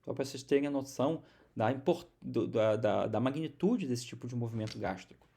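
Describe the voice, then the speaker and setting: A man's voice: medium pitch, animated, fairly quick, creaky, dark tone, slightly rough. A man from Brazil giving a recorded university biology lecture, explaining step by step with many restarts and repeated words.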